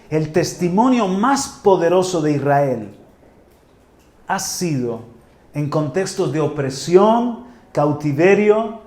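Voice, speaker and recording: Pastor from Spain, a man, high voice, animated sermon delivery with loud peaks, heard in a roomy church hall. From Spain, Murcia. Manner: animated preaching, builds to loud exclamations.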